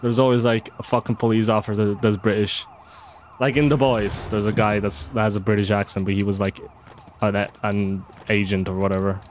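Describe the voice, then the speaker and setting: A man's voice: on the low side, little pitch movement, brisk, slight background noise. A man giving casual, profane let's play commentary, reading the game's lines aloud. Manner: casual and profane, reads game dialogue aloud in character.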